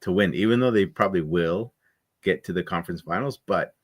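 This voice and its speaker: A man's voice: sits low, brisk. A man co-hosting a casual sports talk stream, thinking aloud with many hedges and restarts. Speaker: podcast co-host.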